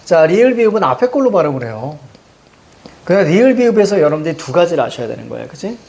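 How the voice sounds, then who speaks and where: A man teaching a Korean grammar lesson, peppering his explanation with quick questions to the class. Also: fairly high pitch, gravelly. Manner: lively, rhetorical questions to students, frequent "자".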